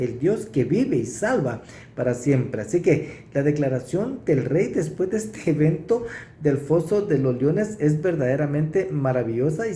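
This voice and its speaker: A man gives an expository sermon, walking through the verses and stopping to stress key points. His voice sits a little high yet sounds deeply mellow and dark, with a lively, swinging pitch. The room around him rings with noticeable echo. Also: slight background noise. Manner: explanatory, pauses to stress verses. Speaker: preacher. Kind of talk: expository Bible teaching. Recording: roomy echo.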